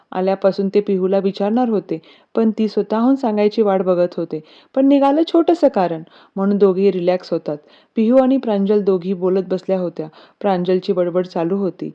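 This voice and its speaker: A woman narrating a romance story in a steady, expressive reading. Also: mid-range voice. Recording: dull lo-fi recording.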